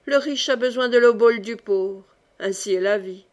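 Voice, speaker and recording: A woman's voice: fairly high pitch, normal speed, a little mellow, lightly acted. A woman reading the part of an old exiled nobleman, a doting father who speaks with fervent emotion. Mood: tender, brooding.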